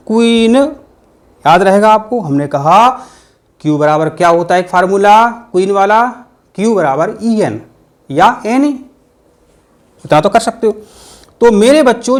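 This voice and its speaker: A man teaching a physics exam-prep lesson, playful and full of repeated mnemonics. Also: high-pitched. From India.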